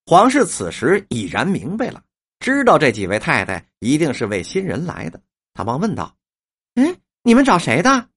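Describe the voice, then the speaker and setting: A woman narrating a novel in a storyteller's lively cadence. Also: a bass voice, moderate pace, slightly rough.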